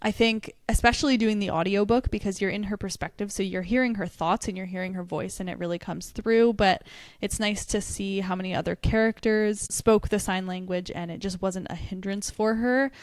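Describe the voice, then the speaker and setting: A woman's voice: medium pitch, fairly even intonation, brisk, few pauses, no room sound, clean studio sound. A young woman co-hosting a book podcast, chatting casually and animatedly, laughing often. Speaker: podcast co-host. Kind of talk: casual book review chat.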